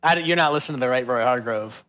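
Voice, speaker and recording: A man chats as a guest on a casual podcast. His delivery is relaxed and conversational, and he often trails off while he searches for a word. His voice sits at a middle pitch. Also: very fast, clean tone, dull audio. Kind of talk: casual chat.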